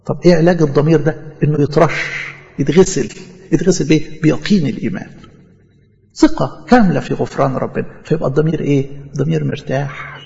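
A man's voice: on the high side, quick pace, vocal fry, warm tone. A man preaching a sermon in Egyptian Arabic, talking conversationally and acting out imagined speakers in church. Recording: muffled audio with long hall reverb.

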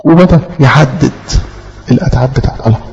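A man's voice: medium pitch, racing, gravelly, a little mellow, big-room sound, muffled recording, slight background noise. A man with an Egyptian accent preaching a sermon, impassioned, asking rhetorical questions and voicing the people he quotes. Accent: Egyptian Arabic.

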